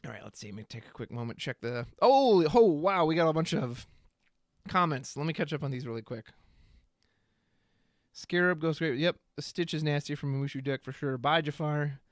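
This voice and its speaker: A man with a higher-than-usual voice talks casually on a live stream, musing out loud as he reads out card text and viewer comments. The sound is dry and close, with no room echo. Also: animated, normal speed. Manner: thinks aloud, reads card text and chat, chatty. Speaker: streamer reviewing trading card spoilers.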